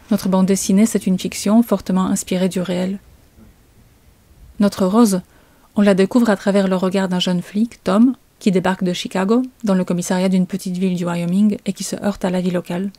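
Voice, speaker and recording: A woman's voice: medium pitch, flat delivery, fairly quick, dark tone, no echo. Woman narrating. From Poland. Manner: storytelling, suspenseful. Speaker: comic author. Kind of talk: first-person narration.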